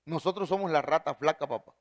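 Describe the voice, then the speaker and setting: A man's voice: a little high, fast talker, lightly acted. A man voicing an earnest, poor young boy in a sermon story, pleading with his father.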